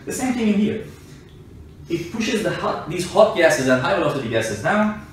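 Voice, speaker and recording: He has a high voice that swings widely in pitch, moving at a moderate pace. A self-described engineer and scientist, he walks a listener through everyday examples in a casual, argumentative explanation, captured in an echoey room on a distant mic with faint noise.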